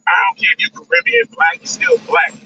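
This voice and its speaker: Man, very high pitch, bright and cutting, emphatic and preachy livestream host, dull lo-fi sound from a distance. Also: expressive, quick pace, slight background noise. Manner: emphatic, repetitive, lecturing, ends lines with "man". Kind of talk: casual livestream talk.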